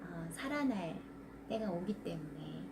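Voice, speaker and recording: A woman in the congregation answering a question softly and hesitantly, with pauses. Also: lowish voice, animated, noisy background. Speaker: congregation member.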